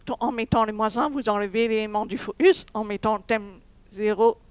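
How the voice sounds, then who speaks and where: A woman's voice: mid-range voice, fairly quick, clean tone, no room sound. A young woman giving a technical conference talk, hesitant, with many fillers and restarts. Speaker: conference speaker. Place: conference hall.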